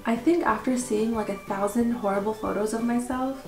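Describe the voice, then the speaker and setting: A woman being interviewed as a pageant winner, chatting casually and haltingly with lots of filler words. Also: fairly high pitch, a little mellow. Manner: informal, halting, frequent "like" and "you know". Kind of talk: casual question-and-answer chat. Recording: echoey room with background music.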